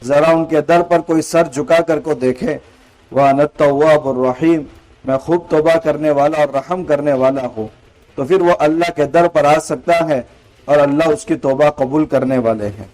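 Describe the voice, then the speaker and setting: A fairly high-voiced man teaches a Quran commentary lesson in an earnest, explanatory way. He recites scripture lines between his explanations and leans on rhetorical questions to press each point home. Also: darkish tone, poor audio. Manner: earnest explaining, weaving in recited Arabic verses.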